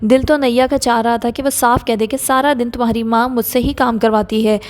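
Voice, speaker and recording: Woman reading an audio novel, steady storytelling, fairly high voice, long hall reverb. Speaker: audiobook narrator.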